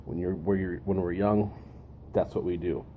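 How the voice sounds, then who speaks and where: Male host, deep-voiced and deliberate, musing over readings with pauses, faint-to-clear ambient noise behind. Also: fairly even intonation, dark tone. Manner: deliberate, pausing, repeats phrases for emphasis. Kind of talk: reflective monologue, reading and commenting.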